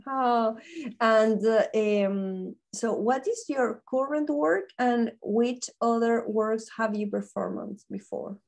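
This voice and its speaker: A woman hosting an interview, asking her questions in a halting, hesitant way with many fillers. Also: on the high side, vocal fry. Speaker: host.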